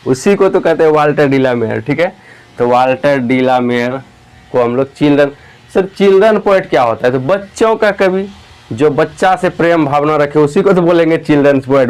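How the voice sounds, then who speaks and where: A man's voice: a little high, clean tone. A young man teaching an exam-prep lesson, putting students' questions to himself and answering them, reassuring and casual.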